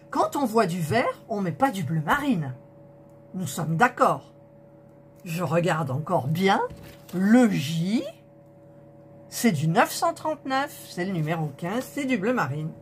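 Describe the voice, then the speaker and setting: Her mid-range voice moves slowly with big swings in pitch, and there's a faint hiss or hum on the recording. The woman is unboxing a diamond painting kit for her vlog audience, reading out colour numbers in an indignant, disappointed tone.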